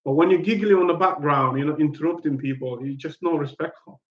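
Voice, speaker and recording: A man hosting a live panel stream, speaking in a halting way with many fillers and repeated words. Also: a little high. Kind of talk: casual live panel chat. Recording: echoey muffled stream audio.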